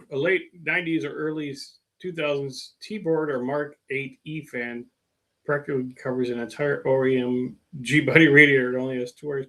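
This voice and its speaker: A man's voice: mid-range voice, bright, forceful tone. A middle-aged man hosting a casual live stream about his car work, rambling with lots of fillers and reading out viewer comments. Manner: rambling, self-mocking, many fillers.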